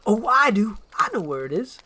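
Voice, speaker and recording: An excitable, talkative donkey sidekick as a woman acts him out. He is bubbly and eager, pitched up and leaping around in a lively story reading. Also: moderate pace, breathy edge, heavily acted. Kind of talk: dramatized screenplay reading.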